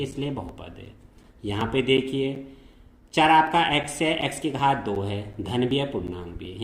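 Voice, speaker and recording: A man's voice: medium pitch, reverberant. A man teaching a math lesson to school students. He explains step by step and keeps checking that they follow.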